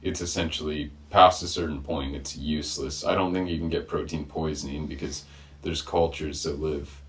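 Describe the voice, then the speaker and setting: A man's voice: fairly even intonation, moderate pace. A man co-hosting a podcast, chatting casually and swearing offhand. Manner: low-key, swears casually. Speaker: podcast co-host. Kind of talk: casual chat.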